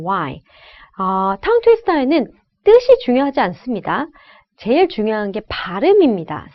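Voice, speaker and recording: A woman teaches an English lesson in a bright, high voice that leaps up and down as she coaches. She runs call-and-repeat drills with learners. The sound is a little dull and lo-fi. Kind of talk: online lecture.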